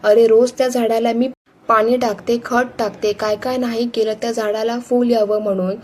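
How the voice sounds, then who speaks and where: A woman's voice: on the high side, flat delivery, moderate pace, a little mellow, a little hiss or hum, close to an everyday voice. A woman reading the part of an irate middle-aged mother-in-law who scolds indignantly. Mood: scolding.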